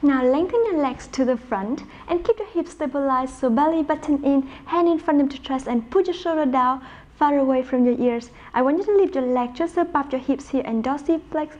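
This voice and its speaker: A woman's voice: high voice, a little fast, a little mellow, dull audio. A young woman instructing a mat workout, giving directive cues and counts in an encouraging way. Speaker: pilates instructor. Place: bright room at home with wooden floor, indoors.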